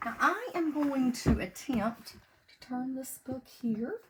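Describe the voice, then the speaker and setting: A woman teacher with a high, expressive voice reads a picture book slowly to young children at home, in a sing-song style. She keeps her explanations simple and asks them questions, and the background is noisy.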